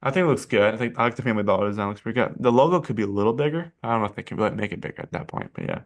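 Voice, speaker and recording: Male vlogger, a bit low-pitched, casual and hesitant, restarting sentences often. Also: rapid-fire. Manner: rambling, hesitant, many fillers and restarts. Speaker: channel host rating paint schemes. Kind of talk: casual reaction commentary.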